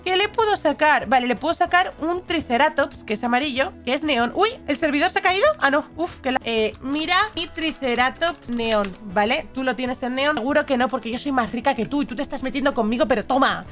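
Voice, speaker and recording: A young woman from Spain with a Spanish accent, commenting a game on her channel in an animated, sarcastic, playfully dramatic way. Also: high-pitched, a little fast, hardly any pauses, faint music behind. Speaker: gaming youtuber. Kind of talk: casual gameplay commentary.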